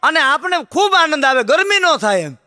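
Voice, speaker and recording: Man playing proud homeowner, eager, boastful, high and bright. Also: big pitch swings, normal speed, long reverb tail, heavily acted. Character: proud homeowner showing off his house.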